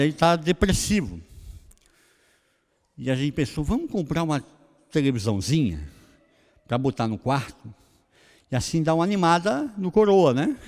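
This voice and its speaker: Animated Brazilian pastor in echoing hall. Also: male voice, medium pitch. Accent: Brazilian Portuguese. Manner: animated, acts out dialogue in voices. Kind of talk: sermon with personal storytelling. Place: church hall. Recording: reverberant church hall.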